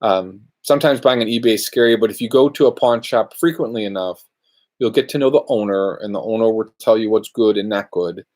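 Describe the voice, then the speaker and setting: A luthier podcast host answers viewer questions in a casual live Q&A from his workshop, laid-back and rambling. His lowish, darkish voice moves fairly quickly.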